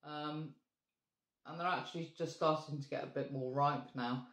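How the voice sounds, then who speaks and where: A woman's voice: sits low, steady tone, normal speed, roomy sound. A woman co-hosting a casual vlog, chatting with friendly asides. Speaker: vlog co-host. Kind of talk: casual chat.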